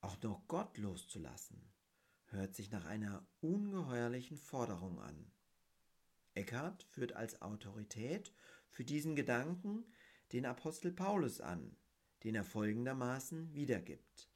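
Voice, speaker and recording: A man giving a reflective spiritual talk on mysticism, speaking in a measured, deliberate way and reading quotations aloud. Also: medium pitch, big pitch swings, a little mellow. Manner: measured and deliberate, stressing key words.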